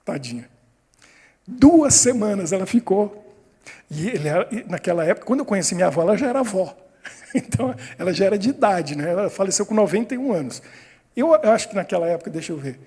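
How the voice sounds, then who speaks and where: A man's voice: high voice, husky, long reverb tail. Brazilian man telling a story in a sermon. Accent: Brazilian Portuguese. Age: 50s. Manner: animated storyteller who acts out voices and laughs often. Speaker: pastor. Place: church hall.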